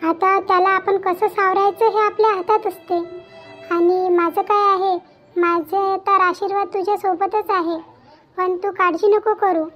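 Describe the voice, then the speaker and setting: A woman voicing an aging widowed mother in a cartoon, gentle and comforting. She talks in a soothing, motherly way. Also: very high voice, flat delivery, measured pace. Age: older. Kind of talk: Marathi cartoon voice acting. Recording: dull lo-fi with faint background music.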